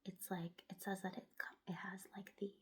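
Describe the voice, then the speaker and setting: A woman whispers quickly and softly in a casual, rambling ASMR chat, close to the microphone, trailing off and picking thoughts back up. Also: medium pitch, level tone. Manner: fast whispering, breathy and soft-spoken. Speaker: ASMR video host.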